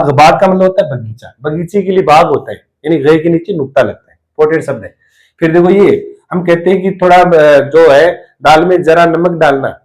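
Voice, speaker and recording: A man's voice: fairly high pitch, poor audio. A middle-aged man teaching a Hindi grammar class, explaining and repeating key words as he goes. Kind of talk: classroom lecture on word pairs.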